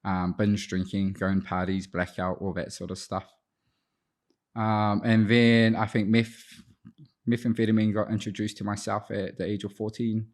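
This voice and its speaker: A podcast guest from Auckland, New Zealand, this man in his thirties works as an addiction counsellor and grew up speaking Te Reo Māori. His New Zealand-accented voice is on the low side with little pitch movement, and he takes his time. He tells his story thoughtfully, with some hesitation, as an interview guest.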